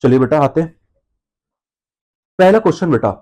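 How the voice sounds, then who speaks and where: A man's voice: on the high side, lively intonation, moderate pace, dark tone. A male accounts teacher giving a classroom-style lecture, calling the students "beta" and answering his own questions.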